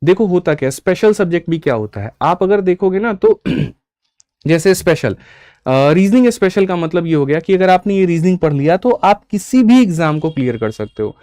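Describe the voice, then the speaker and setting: A man's voice: high voice, lively intonation, a little fast, a little mellow, clean tone, dry recording, clean studio sound. A young man teaching an online maths class for exam preparation, talking emphatically and repeating himself, often calling students brother. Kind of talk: online exam-prep class with batch promotion.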